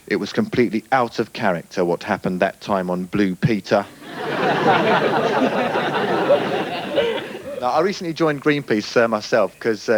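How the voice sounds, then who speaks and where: A man's voice: fairly low pitch, a little hiss or hum. A young man doing stand-up with a dry, mock-serious delivery. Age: young adult. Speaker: stand-up comedian. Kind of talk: stand-up routine. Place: comedy club stage.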